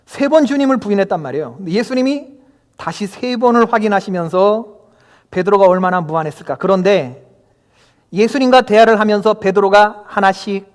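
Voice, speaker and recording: Guy pastor preaching, pretty high voice, keeps asking the congregation stuff, church echo rings long. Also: a little fast. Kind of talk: sermon. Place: church sanctuary. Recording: long hall reverb.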